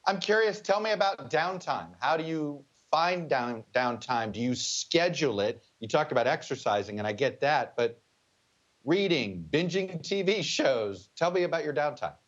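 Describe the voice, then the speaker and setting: A man's voice: on the high side, animated, normal speed. Guy news interviewer, direct and chatty questions, very up and down intonation, sound a bit dull. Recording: slightly muffled link audio.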